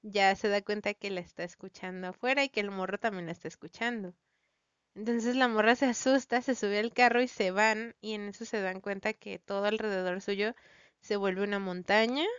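A woman with a Mexican Spanish accent chats to her viewers, retelling a plot in loose, slangy, rambling speech with plenty of fillers. Her voice is very smooth and resonant. The recording is dry and a bit dull, like lo-fi home audio. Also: medium pitch, dry recording. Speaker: vlogger recounting a story.

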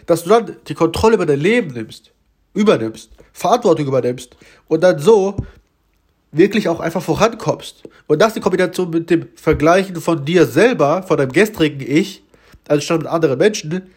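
A man's voice: a little high, darkish tone, breathy edge. A tired, unwell man with a badly blocked, nasal voice, hosting an informal motivational solo podcast and speaking earnestly straight to the listener. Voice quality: stuffed-up nasal sound. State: badly congested, blocked swollen nose. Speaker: podcast host.

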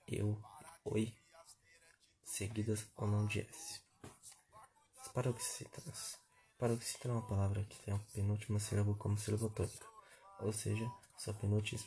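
Low gravelly man teaching grammar. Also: warm tone. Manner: methodical, reads definitions and word lists aloud. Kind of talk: grammar lesson review.

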